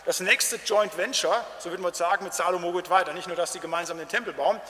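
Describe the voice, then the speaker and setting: High-voiced preacher in a reverberant hall. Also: male voice, fast. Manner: lively, colloquial storytelling with acted quotes. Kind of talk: sermon.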